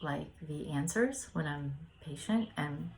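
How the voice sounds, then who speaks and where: A woman sharing personal reflections in a casual, hesitant way, full of fillers and pauses. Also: deep voice, lively intonation, slight background noise, low-quality recording. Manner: soft-spoken, hesitant, many fillers. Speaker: spiritual study vlogger.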